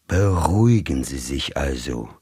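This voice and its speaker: A cold, commanding gentleman from an old storybook, formal and measured in every word, as a male reader plays him. The voice sits extremely low and husky, with an unhurried pace. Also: lively intonation, no room sound, clean studio sound, exaggerated voice. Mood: soothing. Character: cold, commanding middle-aged male agent of a rich employer.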